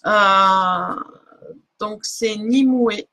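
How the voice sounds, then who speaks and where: Speaking very slowly in a bright, forceful, medium-pitched voice, a woman does a live oracle card reading on a stream. She's casual and hesitant, often halting to look for words, with plenty of fillers and restarts, and she laughs at herself.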